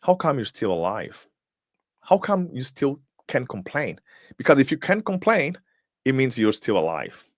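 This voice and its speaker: A native Portuguese-speaking man hosts a live-streamed motivational talk in a medium-pitched, very animated voice, speaking unhurriedly. He's emphatic, fires off rhetorical questions, and repeats words while searching for them. The sound is studio quality with no echo.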